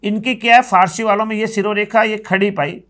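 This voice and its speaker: A man teaching grammar at a board, explaining patiently, repeating words slowly and asking the class for yes or no. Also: high-pitched, steady tone, fairly bright tone. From India.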